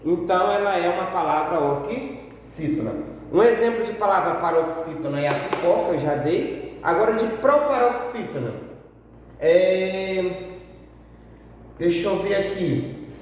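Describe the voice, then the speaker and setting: A man's voice: sits high, expressive, distant mic, slight background noise. A male teacher with a Brazilian accent giving a grammar review lesson, stretching out the syllables of example words and answering a pupil's question himself. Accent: Brazilian Portuguese. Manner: slow, drawn-out syllables for examples. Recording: echoey room, voice from off-mic.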